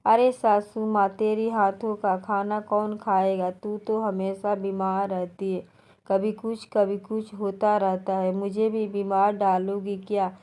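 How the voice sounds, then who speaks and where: A woman voicing a sharp-tongued young wife who mocks her mother-in-law, in a storybook reading. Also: mid-range voice, little pitch movement, slow, close to an everyday voice. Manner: mocking and dismissive.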